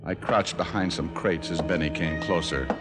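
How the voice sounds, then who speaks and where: A man acting as a hard-boiled private eye from a 1940s radio drama, with a fairly low voice. He is sardonic and quick with a wisecrack, cool when threatened. Loud music plays on the old recording. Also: close to an everyday voice. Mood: tense narration. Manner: wry, sardonic.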